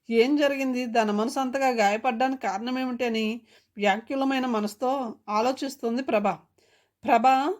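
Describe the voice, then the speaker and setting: A woman narrates a sentimental family story in a steady, scripted reading. Her voice sits a little high for a woman. She speaks the characters' dialogue in her own voice rather than putting on different voices.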